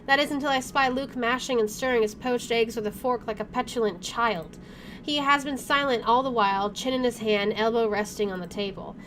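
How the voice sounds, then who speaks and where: A gaming host reads aloud from a visual novel and offers informal, reactive commentary. Her voice is fairly high and fairly bright, moving at a fairly quick pace. Game music sits behind her voice, with slight background noise.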